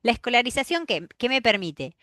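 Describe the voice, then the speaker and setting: A woman's voice: fairly high pitch, sing-song, a little fast, bright, forceful tone, dry recording, studio quality. Rioplatense woman teacher lecturing a class. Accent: Rioplatense Spanish. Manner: explanatory, checks in with "¿sí?" often; demonstrates pronunciations aloud.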